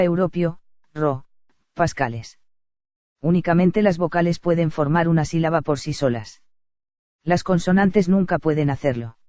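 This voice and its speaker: A man reading a grammar lesson aloud in a steady, even lecture delivery. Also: fairly high pitch, no room sound. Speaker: teacher. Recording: dull lo-fi dry recording.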